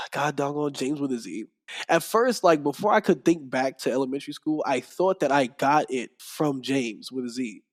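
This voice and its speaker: A young man, a podcast guest, telling stories in casual chat, animated and laughing often as he acts out what people said. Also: mid-range voice.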